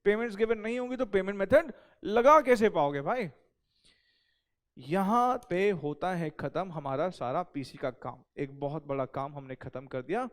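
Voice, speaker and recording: High-voiced man teaching accounting. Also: normal speed. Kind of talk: recorded classroom lecture.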